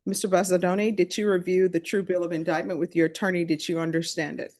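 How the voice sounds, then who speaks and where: A woman judge presiding in a courtroom, running through formal legal admonishments in a brisk, practiced way. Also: fairly low pitch, little pitch movement, a little mellow. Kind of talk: courtroom proceedings.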